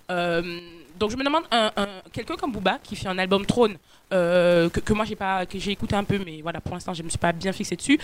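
A woman's voice: mid-range voice, a little hiss or hum. A woman hosting a casual chat show, thinking aloud as she talks. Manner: chatty, thinks aloud with restarts. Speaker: host.

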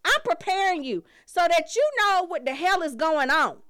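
Loud, animated, high-voiced woman. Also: moderate pace, no echo, studio quality. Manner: profane, animated, quoting people in acted voices. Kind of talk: comedic storytelling rant.

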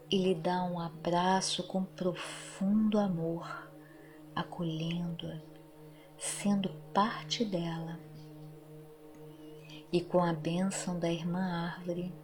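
Very slow, soft woman guiding a meditation. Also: lowish voice. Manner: soft, soothing, very slow with long pauses. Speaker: guided meditation narrator. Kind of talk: guided meditation, scripted narration. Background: music.

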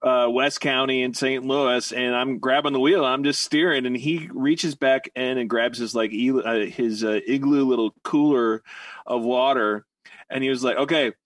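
Relaxed man, slightly off mic. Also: mid-range voice, dry recording, distant mic. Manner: relaxed, halting, many fillers. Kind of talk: casual conversational storytelling. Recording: dry voice a bit off mic.

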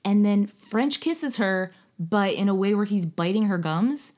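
A woman's voice: mid-range voice, expressive, measured pace, a little mellow. A woman co-hosting a casual podcast chat, telling horror film scenes with gleeful relish. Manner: enthusiastic about gore, playful. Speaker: podcast co-host.

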